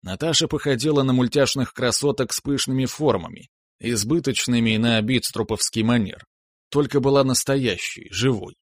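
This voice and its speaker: A man reading a first-person story aloud in a measured, wry storytelling manner. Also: medium pitch, dry recording. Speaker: audiobook narrator. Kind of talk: scripted first-person narration.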